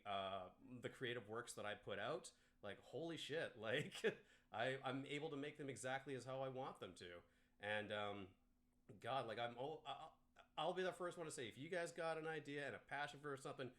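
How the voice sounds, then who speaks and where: A man's voice: mid-range voice, a bit bright. Tipsy man rambling on a stream. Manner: halting, full of fillers and restarts, laughs often. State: a few beers in. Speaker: streamer and filmmaker. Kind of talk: rambling live-stream sign-off.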